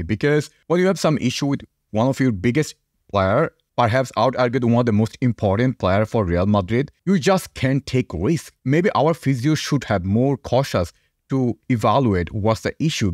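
A man's voice: mid-range voice, a little mellow, dry recording. A young man hosting a fan channel, giving casual reaction commentary into a podcast mic in a small home studio. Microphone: podcast mic on a boom.

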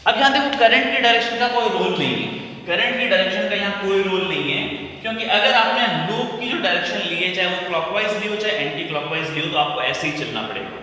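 A man's voice: high voice, expressive, fast talker, bright, forceful tone. A man in his thirties teaching physics at a whiteboard in a small classroom, explaining step by step and repeating key points back as questions. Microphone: camera mic from across the room. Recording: echoey room picked up from a distance.

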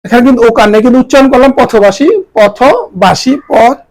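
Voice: mid-range voice, steady tone, very fast, a little mellow, poor audio. A teacher giving a grammar lesson, spelling out each word letter by letter and repeating it for the students.

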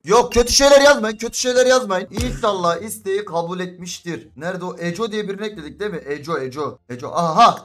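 A young man live-streaming a mobile shooter game, complaining fast and exasperated to his chat and to rival players. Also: high voice, pushed and bright, soft background music.

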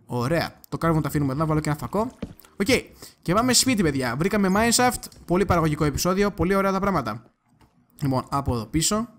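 A man giving casual gameplay commentary, chatty and excitable, talking straight to his viewers and now and then bursting into loud cursing. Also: fairly high pitch. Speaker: gaming video creator.

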